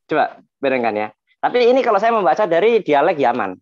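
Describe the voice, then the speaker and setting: A man explaining scripture dialects in a panel talk, slowly chanting verses between points. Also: a little high, big pitch swings. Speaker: religious teacher explaining dialects. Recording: dull, dry lo-fi sound.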